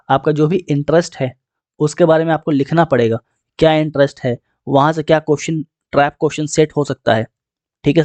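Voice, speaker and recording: A man teaching exam aspirants in a relaxed lecture, often checking in with "theek hai" and "right" and slipping English phrases into his talk. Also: on the high side, no room sound.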